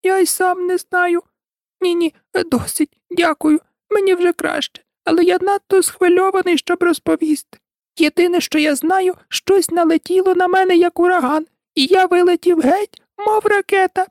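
Woman doing a squeaky little lizard. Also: moderate pace, dry recording, studio quality. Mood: flustered. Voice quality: squeaky, weak. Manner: breathless, excited. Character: feeble squeaky little male lizard, flustered. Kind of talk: audiobook character voice.

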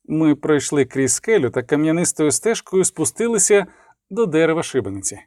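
A man reading an audiobook as narrator, with lively dramatic emphasis and the dialogue lines voiced. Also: on the high side, moderate pace, no room sound, studio quality. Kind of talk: scripted narration.

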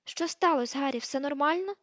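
A furious young woman shrieks her reproaches at a high, piercing pitch, as a woman reader puts her on. She sounds loud and sarcastic. The audio is dry and slightly muffled. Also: a little fast, no echo. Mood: startled.

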